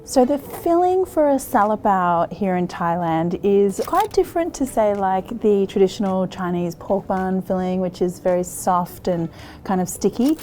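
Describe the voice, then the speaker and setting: There's faint music behind this medium-pitched, mellow voice with lively intonation and a moderate pace. An Australian cooking show host in her thirties chats through a recipe one step at a time, easygoing, encouraging, and quick to laugh.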